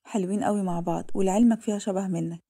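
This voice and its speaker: A woman with an Egyptian Arabic accent voicing a kind, chatty nurse in a told story, warm and reassuring. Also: medium pitch, steady tone, racing, creaky. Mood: cheerful.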